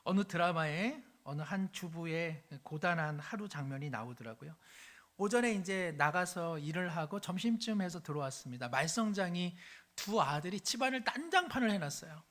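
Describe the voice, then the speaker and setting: A man's voice: high-pitched, lively intonation, normal speed, a bit bright. Pastor guy giving a sunday sermon, storytelling, doing little voices for the characters. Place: church sanctuary.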